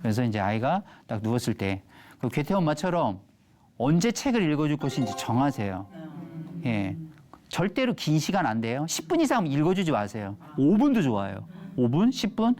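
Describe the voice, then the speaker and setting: A middle-aged man, an elementary school teacher, giving a lively lecture on a TV stage and acting out the voices of children and parents. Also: medium pitch, moderate pace. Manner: animated storytelling, acts out children's and mothers' voices.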